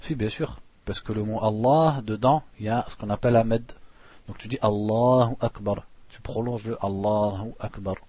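A man teaching a religious lesson, reading passages fast and then explaining them plainly with restarts. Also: lowish voice, warm tone, no room sound, dull audio. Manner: reads Arabic passages quickly, then explains slowly with restarts; clears throat now and then.

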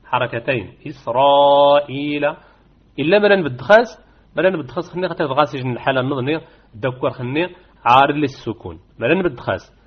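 Husky man teaching recitation. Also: medium pitch, lively intonation, muffled recording. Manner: repeats key words and stretches them slowly to demonstrate. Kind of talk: online tajweed lesson.

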